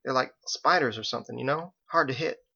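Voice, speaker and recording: A man's voice: medium pitch, brisk, vocal fry, bright, forceful tone, slightly rough, muffled recording, heavily acted. A man voicing a laid-back male fighter who talks in a casual, slangy way. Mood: grumbling.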